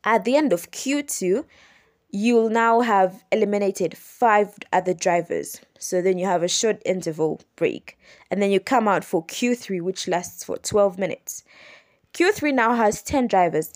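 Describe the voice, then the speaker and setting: A woman's voice: medium pitch, a little mellow. A woman in her young adult years hosts her own podcast, talking close to the mic in a mid-range voice. She walks listeners through each rule patiently and step by step, circling back to repeat and rephrase herself as she goes. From Uganda. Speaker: podcast host. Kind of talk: explanatory solo podcast.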